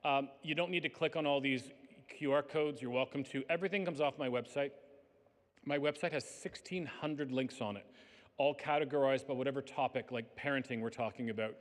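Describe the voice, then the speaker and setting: A man with a middle-pitched voice, tired and slightly worn from days of speaking, works through numbered points in an earnest, conversational way. His words ring out with a long reverb through a large hall. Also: brisk. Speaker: conference speaker. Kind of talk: faith-based talk to educators.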